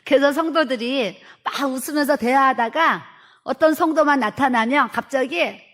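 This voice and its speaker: A woman's voice: sits high, normal speed, fairly bright tone. A middle-aged woman pastor preaching a sermon earnestly, acting out family dialogue with laughs.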